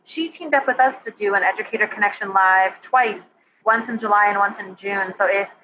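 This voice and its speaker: A woman's voice: medium pitch, a little fast, pushed and bright. A woman moderating a live webinar, reading out episode titles and audience questions in a friendly, organized way. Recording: dull lo-fi audio with faint background noise.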